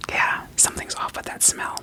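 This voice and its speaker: In a calming ASMR roleplay, a woman plays a therapist at normal speed, whispering playful, gently probing questions and repeating brief phrases.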